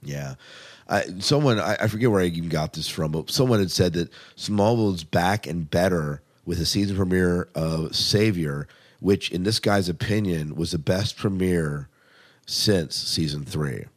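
A man with a low voice, speaking at a moderate pace, co-hosts a podcast where he casually reviews TV. He's enthusiastic and conversational, repeating phrases for emphasis.

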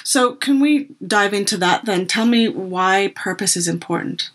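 A woman hosts a casual interview podcast at a mid pitch. She draws out her guest with friendly questions and brief encouraging responses. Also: lively intonation, measured pace, fairly bright tone. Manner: encouraging, short affirmations. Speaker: podcast host.

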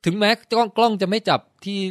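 Guy retelling tv scenes, lively, kinda high voice, dry sound. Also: fast, no echo. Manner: animated storyteller, acts out lines. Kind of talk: casual chat reviewing a TV series.

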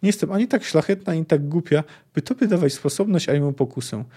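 Man plays a cutting, possessive sorceress, higher and loud for an audiobook-style reading. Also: quick pace, husky. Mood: mocking. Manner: sharp, commanding, scornful. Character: proud furious female sorceress, possessive and cutting.

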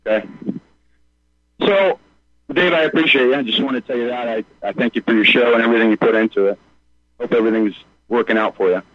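Husky middle-aged man on speakerphone. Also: medium pitch, fast talker, pauses often, no echo. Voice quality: buzzy speakerphone sound. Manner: earnest, rambling. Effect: speakerphone call. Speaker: caller. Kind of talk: call-in radio talk. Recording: muffled speakerphone call on radio.

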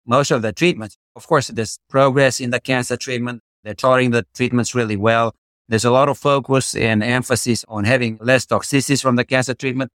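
A man's voice: medium pitch, steady tone, fairly quick, a bit bright, dry recording, clean studio sound. A middle-aged man with a Romanian accent, a guest doctor explaining his field with passion and rhetorical questions in a podcast interview. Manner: passionate, uses boxing analogies, rhetorical questions. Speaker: guest cardiologist.

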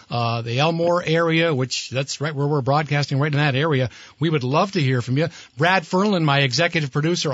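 A male radio host with a fairly high voice talks conversationally, restarting phrases as he goes. The studio sound is dry and slightly dull. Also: fairly bright tone, no room sound. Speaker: radio talk show host. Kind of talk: live radio hosting, sponsor reads and interviewing.

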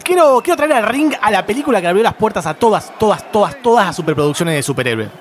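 An Argentine man with a high, swooping voice in a casual podcast debate. He argues emphatically, laying on sarcastic mock-grand praise. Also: sing-song, quick pace. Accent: Argentine Spanish. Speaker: podcast panelist.

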